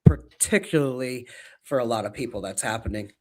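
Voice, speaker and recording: A man in his fifties co-hosting a casual podcast, speaking reflectively and often pausing on "um" and "you know". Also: medium pitch, a little mellow. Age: 50s. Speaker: podcast co-host.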